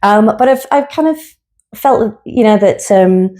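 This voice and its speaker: A woman speaking as an interview guest, a psychotherapist sharing her past in an earnest, open way. Her voice sits at an ordinary middle pitch. She tells her story reflectively. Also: expressive, measured pace, warm tone. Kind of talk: personal reflective conversation.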